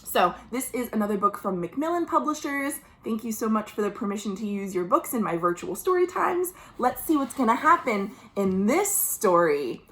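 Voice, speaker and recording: A high-voiced, animated American woman, a children's librarian, reads aloud to young children during a virtual storytime from her home. She draws out her words expressively, asks her little listeners gentle questions, and adds chatty asides along the way.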